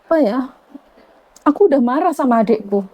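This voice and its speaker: A woman's voice: high-pitched, expressive, fairly quick, mellow, highs cut off. A woman, calling in to confide a family dispute in a rambling, aggrieved way. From Indonesia. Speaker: caller. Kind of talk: emotional personal confession.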